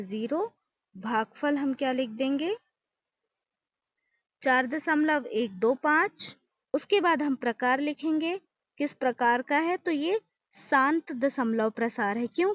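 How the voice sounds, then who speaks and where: A woman's voice: high-pitched, dry recording. A woman teaching maths in a classroom style. She works through long division step by step, keeps asking questions and answering them herself, and says "okay" again and again. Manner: asks students questions and answers them herself, repeats "ठीक है" often. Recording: dry, dull lo-fi recording.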